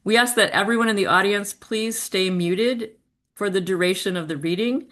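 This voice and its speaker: A woman running a virtual poetry reading from home gives an orderly welcome and instructions through her computer microphone on a video call. Her medium-pitched voice is fairly bright and moderately paced, polite, and dotted with frequent ums.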